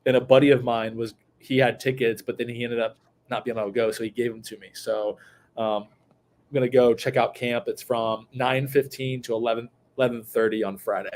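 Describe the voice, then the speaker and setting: A man's voice: medium pitch, little pitch movement, brisk, darkish tone, a little hiss or hum. A man, co-hosting a casual chat while he has the hiccups, often repeating words as he starts sentences. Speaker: podcast co-host.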